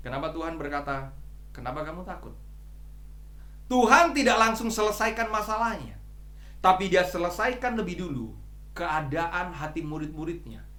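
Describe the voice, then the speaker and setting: Male pastor preaching, high bright voice, loud then soft pleading, roomy echo. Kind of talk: sermon. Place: church.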